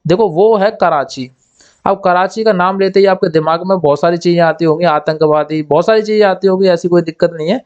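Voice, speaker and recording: High-voiced man drilling exam memory tricks. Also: brisk, a little mellow, clean tone, dull audio. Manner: repetitive, asks and answers own questions; acts out little scenes in quoted voices. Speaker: exam coaching teacher.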